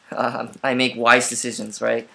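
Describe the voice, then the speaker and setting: Man, casual vlogger, bright tone, rambly with fillers, laptop webcam at home. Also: medium pitch, creaky. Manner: rambling, lots of fillers and restarts. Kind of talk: casual vlog storytelling.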